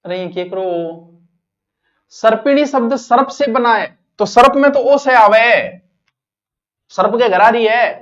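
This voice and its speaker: A man's voice: very high voice, measured pace, long pauses, fairly bright tone. A man with a Rajasthani accent teaching an exam-prep lesson, quizzing his students and moving between Hindi and local dialect. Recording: dull lo-fi recording.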